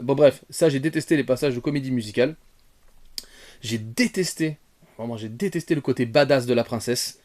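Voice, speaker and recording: Rambling French YouTuber reviewing a film. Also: male voice, mid-range voice. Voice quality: bearded. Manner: rambling, lots of fillers and restarts; animated, swings from soft asides to loud outbursts. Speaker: retrogaming YouTuber.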